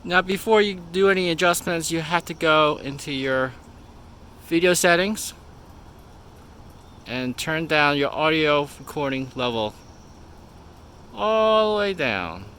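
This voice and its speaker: A man giving a casual product review in a halting, informal way, stumbling over words now and then. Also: on the high side, pushed and bright. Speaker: gear reviewer. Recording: noisy raw camera-mic audio with ambience.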